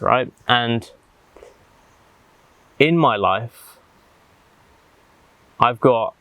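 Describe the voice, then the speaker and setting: A man speaking reflectively and haltingly, with deliberate pauses, as he vlogs outdoors in the jungle. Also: medium pitch, a bit bright, no room sound, low-quality recording. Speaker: vlogger. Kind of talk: reflective talk to camera.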